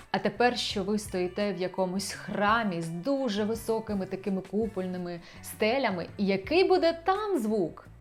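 A young Ukrainian woman teaches singing in a lively, engaging way. She explains vocal placement and keeps asking her viewers questions, speaking in a middle-pitched voice. Faint music plays softly behind her. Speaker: vocal coach. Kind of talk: vocal lesson with sung demonstrations.

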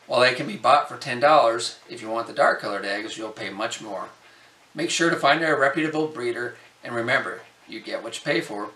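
A middle-aged man hosting a farm channel, reading a scripted explainer to the camera in a steady delivery. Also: mid-range voice. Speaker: host. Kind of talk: scripted informational narration. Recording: echoey, distant from the mic.

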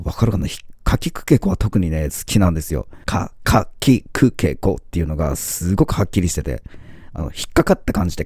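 Low, mellow-voiced guy in his 40s, excited casual vlog chat, lots of fillers, dry sound. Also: no room sound. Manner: enthusiastic fan talk with many fillers. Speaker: vlogger.

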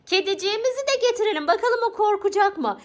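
A woman, a mother and channel host, narrating a casual family vlog at home in a playful, animated way, often laughing. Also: very high voice, quick pace. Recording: noisy home video.

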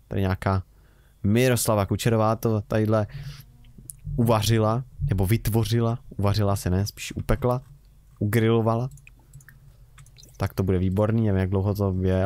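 A young man chats his way through a life-sim game in a relaxed, rambling way, dropping wry asides as he goes. His voice sits low, and the recording is dry and close, with no room sound around it. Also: no room sound. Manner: chatty, rambling, wry self-mocking remarks. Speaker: Let's Play host. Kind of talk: casual gameplay commentary.

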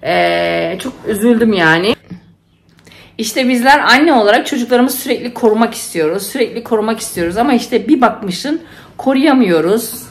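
This nurse and mother, middle-aged, has a gravelly, animated voice on the high side and speaks at normal speed. Chatting casually at home to camera, she tells heartfelt stories loaded with fillers.

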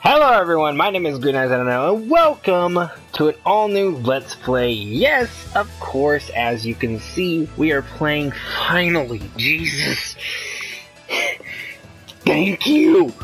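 Excitable let's-play gamer. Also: mid-range voice. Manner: excitable, gushing, laughs a lot. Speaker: gaming YouTuber.

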